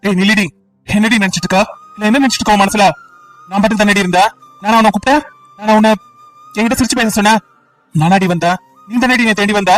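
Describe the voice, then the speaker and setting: A man's voice: high-pitched, fairly even intonation, quick pace, pauses often, distant mic, music in the background, natural voice, rough recording. A man voicing a hot-tempered young cop. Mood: confrontational. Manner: pressing, confrontational, rough. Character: intense young policeman Vijay, possessive and hot-tempered. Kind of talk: cartoon story voice acting.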